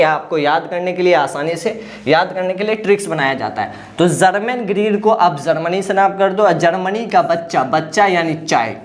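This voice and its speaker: A woman teaching an exam-prep lesson, drilling her students by asking questions and answering them herself. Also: lowish voice.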